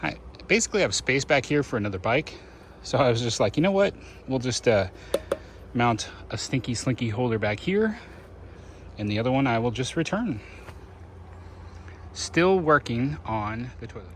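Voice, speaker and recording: A man with a mid-pitched voice chats informally, as if filming his own vlog. He thinks aloud and narrates chores as he goes. Faint ambient noise sits behind his voice. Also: expressive, normal speed, pauses often. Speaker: RV living vlogger. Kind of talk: casual first-person vlog chat while doing chores.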